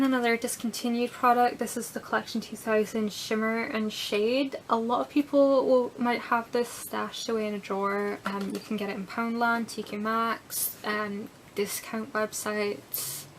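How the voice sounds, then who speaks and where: A woman's voice: fairly high pitch, a bit bright, slight background noise, rough recording. A young woman chatting casually through a beauty product review, rambling a bit and dropping into whispered asides. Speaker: beauty vlogger.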